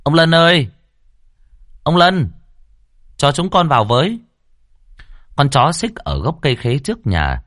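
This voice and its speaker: A male storyteller narrates a ghost story with an animated, swinging pitch. The recording is dry and close, with no room sound. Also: no room sound.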